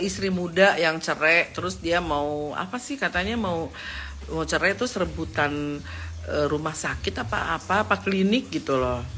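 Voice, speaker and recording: A woman chatting on a live stream, gossiping in a mocking tone and laughing often. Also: fairly bright tone. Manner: mocking, laughs often, mimics others in a squeaky voice.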